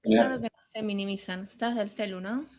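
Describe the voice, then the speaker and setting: A woman, giving soft, helpful remarks in casual chat on a video call. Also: mid-range voice, brisk, creaky, crowd noise.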